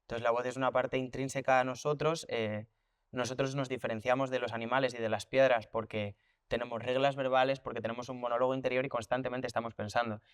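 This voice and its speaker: A man talks through his ideas in a relaxed interview. His mid-range voice is reflective and full of concrete examples. It sounds dry, with little room echo. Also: medium pitch, fast talker, clear, resonant tone. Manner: reflective, thinks aloud with restarts and repetitions; explains with hands-on examples and comparisons. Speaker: voice teacher and actor. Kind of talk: conversational interview.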